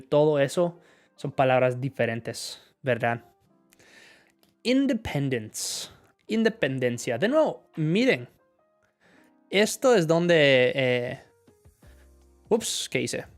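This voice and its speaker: A man's voice: mid-range voice, expressive, slow, clean tone, faint music behind. A male teacher answering viewer questions in a live lesson, switching between Spanish explanations and examples. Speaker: English teacher.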